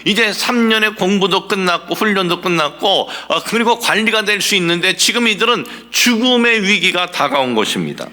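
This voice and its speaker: A man's voice: high voice, lively intonation, moderate pace, few pauses, bright, forceful tone. A middle-aged man preaching a sermon as a pastor, asking the congregation rhetorical questions and building up to emphatic passages.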